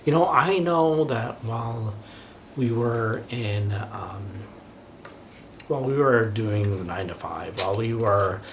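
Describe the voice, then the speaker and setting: A man's voice: lowish voice, slow pace, background noise. A man chatting casually and tipsily, rambling through a Q&A as a travel vlogger. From United States. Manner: tipsy, rambling speech. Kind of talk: casual chat, Q&A.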